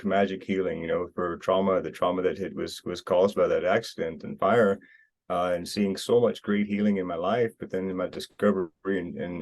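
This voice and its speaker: A man's voice: low voice, darkish tone. A man from the United States, talking earnestly as an interview guest, rambling with many restarts. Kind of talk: casual interview talk. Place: Costa Rica.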